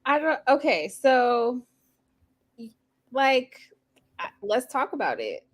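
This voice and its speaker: Slow-talking reflective woman. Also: sits high, sing-song. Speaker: guest priestess. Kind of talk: casual chat. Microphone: video call.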